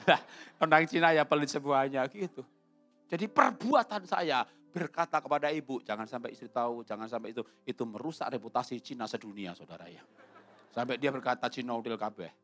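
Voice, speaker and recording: A man from Solo, a pastor telling a humorous sermon story that suddenly jumps high and loud, then closing in prayer. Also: brisk, faint music behind. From Solo, Central Java, Indonesia.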